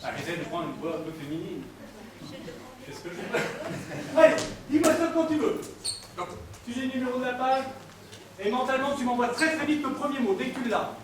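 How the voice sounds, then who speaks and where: A man with a strikingly high voice performs a mentalism act, playfully teasing and joking with his volunteers. He sounds far from the mic in a very echoey hall, with audible room ambience behind him. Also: expressive, brisk, long pauses. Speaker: stage mentalist. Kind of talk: live stage performance with audience banter. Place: theater stage before an audience.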